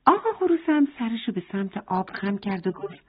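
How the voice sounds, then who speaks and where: A woman's voice: mid-range voice, sing-song, slightly rough. A woman narrating a children's bedtime story, tender and speaking straight to the little ones. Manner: tender, addressing children directly. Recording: tinny phone-like sound.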